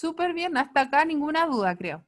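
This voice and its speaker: A woman's voice: high voice, big pitch swings. A woman with a Chilean Spanish accent teaching an online science class, checking in with students often and praising their answers. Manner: checks in often with quick tags, upbeat praise.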